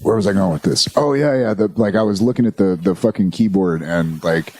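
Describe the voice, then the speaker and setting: A man's voice: deep voice, fairly quick. A man co-hosting a podcast, rambling and swearing casually as he tells stories and acts out quotes. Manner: rambling, profane, animated storytelling; slips into quoted voices. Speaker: podcast co-host. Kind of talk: casual chat.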